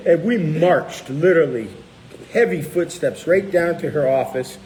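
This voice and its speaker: A man's voice: on the high side, takes it slowly, slight background noise, low-quality recording. A middle-aged man hosting a casual chat, telling stories and acting out the people he quotes. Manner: animated, acts out quoted people. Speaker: cookbook author and channel host.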